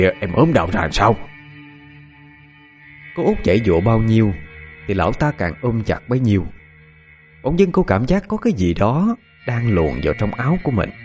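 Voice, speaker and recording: A male storyteller with a lowish voice narrating a ghost story, his pitch rising and falling with the drama. Soft music plays faintly underneath. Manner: animated, expressive storytelling.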